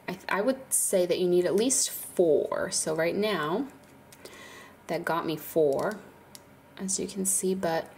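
A woman stuffed up with a cold leads a hands-on craft tutorial from an indoor table, birds outside, talking casually with fillers and soft laughs. Her voice is on the low side and creaky, and there's slight background noise.

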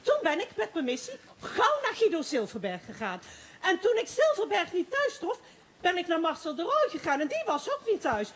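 A woman acting an excitable gossiping townswoman in a stage play, rambling and breathless with giggles. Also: very high-pitched, moderate pace, heavily acted. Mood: excited gossip.

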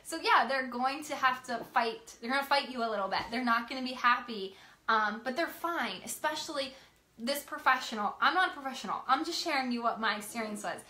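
A woman's voice: sits high, fairly quick, bright, forceful tone. A young woman in casual chat with her viewers, telling stories and laughing as she talks at home with a toddler nearby. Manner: chatty, laughing, retells stories with quoted voices. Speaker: vlogger. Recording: echoey room, faint background hum.

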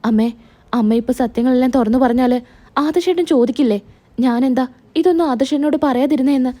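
A woman's voice: high voice, a little fast, dark tone. A hurt, pleading young wife, read by a woman.

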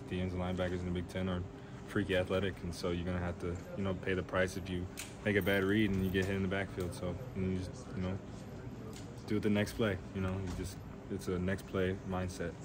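After a game, a young college quarterback fields reporters' questions in a weight room, speaking into handheld reporter mics. His low voice is fast and completely flat, plain-spoken and full of fillers, over a noisy background.

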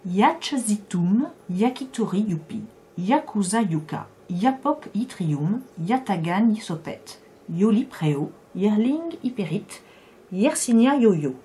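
A woman reading the part of a calm man obsessed with the letter Y, patient and quizzing. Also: medium pitch, slow pace, slight background noise, pitched above the performer's own voice.

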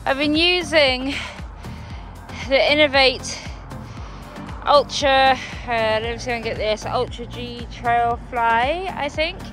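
A woman's voice: high-pitched, takes it slowly, a bit bright, faint music behind. A woman vlogging outdoors on a cold night, chatty and rambling, out of breath after running, on a handheld phone. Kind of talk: casual vlog while running.

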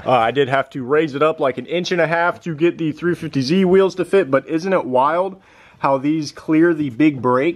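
A man vlogging about his car build in excited, rambling, slangy casual talk. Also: on the high side. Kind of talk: casual vlog commentary.

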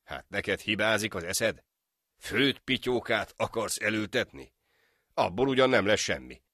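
A man's voice: fairly low pitch, expressive, bright, forceful tone, dry recording, clean studio sound, pitched above the performer's own voice. A man doing a stern village judge. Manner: questioning, stern. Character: stern male village judge, gruff then amused.

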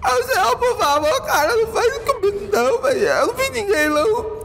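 A man voicing a terrified male game creature who begs for mercy in a high, crying voice. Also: big pitch swings, a little fast, a bit bright, slight background noise, heavily acted. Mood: sobbing, pleading. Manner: high-pitched crying pleas. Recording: reverberant with faint background music.

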